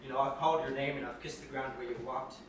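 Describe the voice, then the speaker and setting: An actor as a lovesick young writer, distant stage. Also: male voice, mid-range voice, steady tone, noisy background, lightly acted. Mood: pleading. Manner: pleading, halting, stammering. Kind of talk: stage play performance. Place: theater stage. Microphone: distant room mic. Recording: echoey theater taped from far off.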